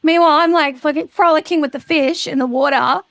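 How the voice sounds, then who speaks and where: A woman in her thirties, a podcast guest, chatting casually and telling animated stories with plenty of swearing. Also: high voice, a little fast, no echo. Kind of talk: casual chat.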